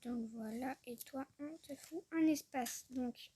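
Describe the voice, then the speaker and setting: Young woman, vlogger, casual chat, unhurried, slightly high voice, trails off and giggles. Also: mellow, husky. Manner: chatty, trailing off, with frequent giggles; sounds out foreign words haltingly. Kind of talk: casual screen-recorded chat.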